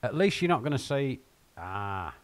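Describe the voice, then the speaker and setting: A man's voice: mid-range voice, very animated, a little slow. A man rambling and joking with his viewers while he plays and streams from home. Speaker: game streamer. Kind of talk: casual live-stream chat.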